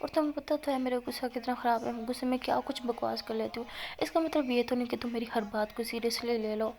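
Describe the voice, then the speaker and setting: A woman voicing a young college student who soothes and teases her crying partner in a quick, coaxing, fond way. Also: on the high side, darkish tone, lightly acted. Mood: soothing.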